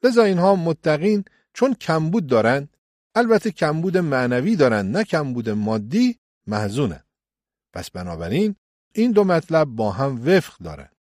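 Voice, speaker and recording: A man gives a religious lecture in a measured teaching tone. His pitch rises and falls freely, and he slows down whenever he recites scripture. The sound is dry and close, with no room echo. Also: big pitch swings, a little mellow. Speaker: cleric.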